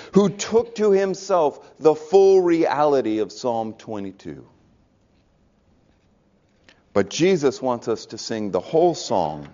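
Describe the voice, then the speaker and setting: Preacher guy giving a sermon, earnest, goes quiet to make a point, slightly high voice, muffled lo-fi sound. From American South. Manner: earnest preaching, drops to a hush for emphasis. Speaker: pastor. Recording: dull lo-fi recording.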